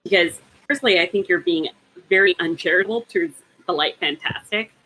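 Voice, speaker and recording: A woman with a lowish voice makes her case in a relaxed book chat. She thinks aloud, stacking clauses and pausing on ums. A faint hiss sits behind her. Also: poor audio. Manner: analytical, argues at length with many ums. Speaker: podcast co-host. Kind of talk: casual book discussion.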